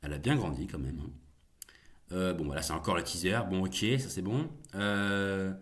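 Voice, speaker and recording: Rambling young man with a low voice. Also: normal speed. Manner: rambling, hesitant, many fillers and restarts; chatty and jokey with viewers. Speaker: YouTube host reacting to film news. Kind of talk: casual solo commentary.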